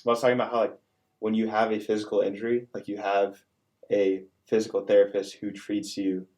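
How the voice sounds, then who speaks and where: A man's voice: on the low side, flat delivery, brisk, a little mellow. A young man, a college student-athlete, talking earnestly in a casual podcast chat with many fillers. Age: young adult.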